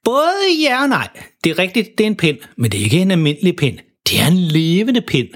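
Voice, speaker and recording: A man voicing a bumbling, cheerful father in a children's storybook, speaking loudly and excitably in a raised voice. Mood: proud. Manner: loud, excitable, raised pitch. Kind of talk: storybook character voice.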